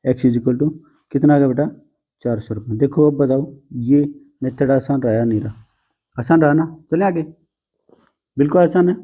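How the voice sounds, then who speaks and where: Male math teacher, patient and teasing, dark husky tone. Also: medium pitch, moderate pace, pauses often. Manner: patient, calls students "beta", teasing. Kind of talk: blackboard math lesson.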